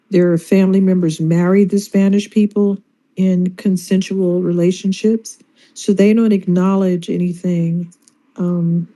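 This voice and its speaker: Very dark-toned, low-pitched American woman. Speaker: panelist. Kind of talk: casual opinion discussion.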